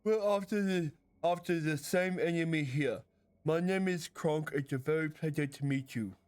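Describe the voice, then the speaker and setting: A man voicing a friendly, naive, red-scaled adventurer in a tabletop game, polite and a little halting. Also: fairly high pitch, darkish tone, smooth, pitched above the performer's own voice, close to an everyday voice.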